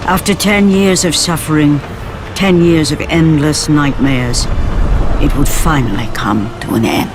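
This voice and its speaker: A woman playing a grave narrator of an ancient myth, telling it in solemn, measured phrases for a video game. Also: low-pitched, background noise. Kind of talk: dramatic epic scripted narration. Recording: music underneath.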